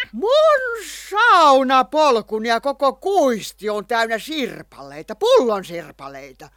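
A woman's voice: a little high, a bit bright, no echo, clean studio sound. An actress playing a chatty, lovestruck witch who fusses and coos over her cat in a radio play. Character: lovestruck chatty witch woman, fussy and fond.

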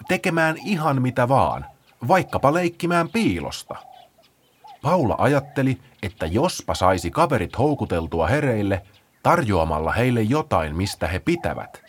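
Lively male storybook narrator. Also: lowish voice, a little hiss or hum. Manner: playful, expressive storytelling. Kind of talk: children's storybook reading.

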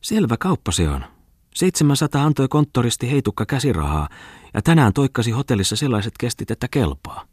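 A man's voice: medium pitch, big pitch swings, darkish tone, breathy edge, no room sound, studio quality, voice pushed up. A man reading a novel aloud, voicing a sly, flirtatious former farm mistress with a teasing, coaxing manner. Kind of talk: audiobook character reading.

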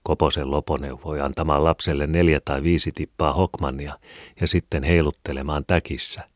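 A man narrating a classic novel as an audiobook, in a measured, even storytelling manner. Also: rumbling low, no room sound, studio quality.

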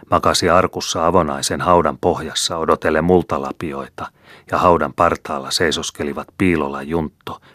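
A man reading folk tales aloud as an audiobook narrator, in a measured storytelling manner. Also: a bass voice, fairly bright tone, no room sound. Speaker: audiobook reader.

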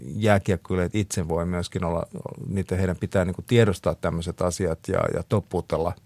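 Deep-voiced chatty man. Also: fairly even intonation, a little mellow, dry recording. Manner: chatty, laughs often, many fillers and restarts. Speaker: guest. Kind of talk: casual storytelling interview.

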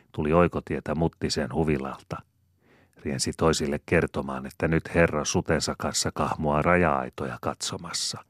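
Very deep-voiced man reading a novel. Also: no room sound, clean studio sound. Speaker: audiobook reader. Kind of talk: scripted narration.

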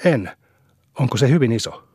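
Excitable young country boy, as a narrator puts him on. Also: medium pitch, slightly rough, dry recording, studio quality. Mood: curious. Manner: curious, easily excited.

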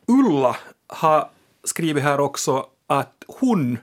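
A man's voice: fairly high pitch, sing-song. A man with a Finland Swedish accent co-hosting a radio chat, playful as he reads out listener messages. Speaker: radio co-host.

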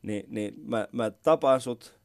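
A man's voice: mid-range voice, dry recording. A man hosting a casual morning radio chat show, telling stories about himself in a chatty, self-mocking way from a studio. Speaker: radio talk show host.

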